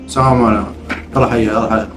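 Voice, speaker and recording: A man's voice: lowish voice, fairly even intonation, very fast, roomy sound, a little hiss or hum. A man with a Gulf Arabic accent giving casual commentary on his gameplay, often repeating short catchphrases. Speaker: gaming video host.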